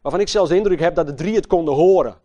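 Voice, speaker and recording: Male preacher, sermon, goes quiet then loud and emphatic, asks the crowd questions, dry close sound. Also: on the high side, fast talker, no room sound. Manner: impassioned, swinging from hushed to loud; emphatic, rhetorical questions to listeners.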